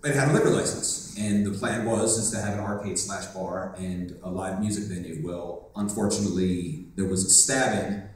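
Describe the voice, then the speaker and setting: A man's voice: deep voice, normal speed, few pauses, slight background noise. Joking man telling a story on a panel. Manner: rambling, joking. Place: hotel conference room. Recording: echoey room from far off.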